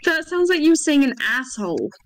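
A woman's voice: high-pitched, very animated, normal speed, a crowd in the background, rough recording. A woman chatting laid-back while playing a video game, teasing her friend. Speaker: gamer. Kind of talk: casual gaming chat.

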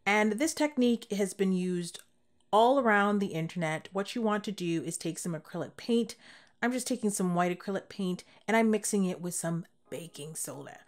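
A young adult woman giving a relaxed, step-by-step voice-over for a DIY home decor tutorial. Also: mid-range voice, normal speed.

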